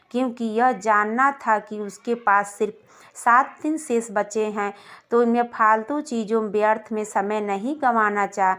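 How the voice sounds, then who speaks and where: A woman narrating a scripted moral story in a calm, gentle manner. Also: a little high. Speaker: storyteller of moral stories for a channel.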